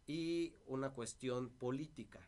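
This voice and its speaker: A party politician, appearing as a guest in a casual interview, talks through past disputes. His dry voice is mid-range, unhurried and darkish in tone.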